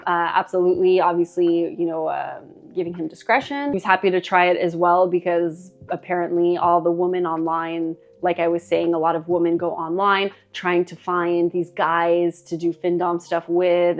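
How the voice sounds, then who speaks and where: A woman vlogger telling a personal story in a chatty, animated way, with plenty of fillers and laughter. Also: lowish voice, moderate pace, faint music behind. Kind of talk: casual storytime monologue.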